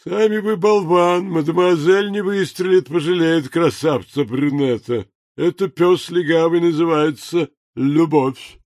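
A man doing a sly, mocking card-sharp. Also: a little high, no echo, clean studio sound, lightly acted. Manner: slow, mocking and theatrical.

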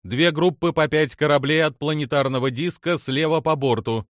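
A man's voice: fairly high pitch, normal speed, no room sound, clean studio sound, voice pushed up, natural voice. A man reading a story, voicing a tense male starship officer who calls out an urgent report.

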